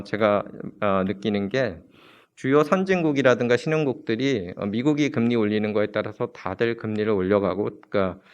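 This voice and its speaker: A man presents at an economics seminar and explains his slides in a hesitant, searching way, full of fillers and restarts. His voice sits in a middle pitch. The recording sounds slightly dull and lo-fi.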